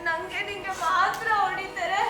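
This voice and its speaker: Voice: very high-pitched, steady tone, measured pace. A young performer playing a frightened, plaintive daughter asking her mother questions. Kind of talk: stage drama acting. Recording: echoey hall, music behind.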